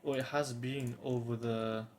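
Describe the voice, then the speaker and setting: Faint background noise accompanies this British man in his twenties as he vlogs to camera, casual and earnest yet hesitant and rambling. His mid-range voice keeps a steady tone and a measured pace.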